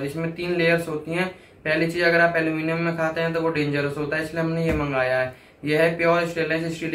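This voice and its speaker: A man's voice: fairly high pitch, a bit bright. A man doing a casual unboxing review, chatting to viewers and explaining each step plainly. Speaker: product reviewer.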